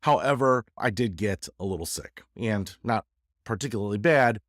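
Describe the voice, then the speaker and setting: A man's voice: fairly low pitch, expressive, moderate pace, no room sound, clean studio sound. A man congested from a head cold, giving a casual, rambling update to viewers in a joking, self-deprecating way. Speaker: YouTuber giving a channel update.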